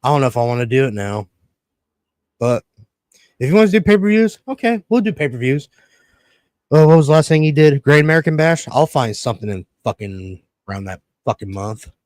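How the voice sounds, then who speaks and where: This early-thirties podcast host talks briskly in a medium-pitched voice with no echo. He chats and rants casually, cursing freely and animating his stories by quoting how he reacted.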